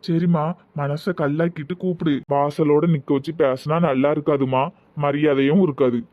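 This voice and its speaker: ஒருவர் கார்ட்டூனில் நெல்லை வட்டார வழக்கில், மனைவியை அமைதியாகச் சமாதானப்படுத்தும் வயதான கணவருக்குக் குரல் கொடுக்கிறார். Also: male voice, on the high side, steady tone, normal speed, dry recording, lightly acted. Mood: soothing. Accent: Tirunelveli Tamil. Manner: coaxing, soothing. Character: gentle elderly husband, calm and soothing. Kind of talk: cartoon voice acting. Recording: dull dry lo-fi recording.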